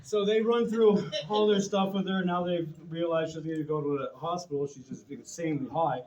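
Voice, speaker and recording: A young man with a fairly high voice and fairly even intonation does stand-up on a club stage, speaking a little fast. He tells a rambling, profane anecdote, chuckling along the way. The recording is muffled, roomy, and full of loud background noise.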